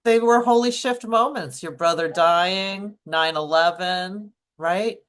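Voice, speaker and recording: A woman hosting a casual interview, offering warm praise and short affirmations to her guest. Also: fairly low pitch, takes it slowly, clean tone. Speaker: podcast host.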